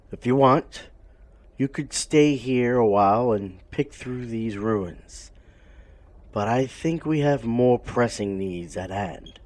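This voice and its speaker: A man's voice: medium pitch, a little mellow, dry recording. A man reading game quest dialogue aloud in a grave, solemn, dramatic style.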